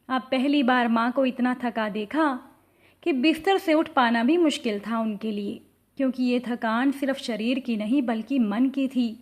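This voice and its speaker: A woman narrating an emotional family story in a slow, feeling reading style. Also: sits high.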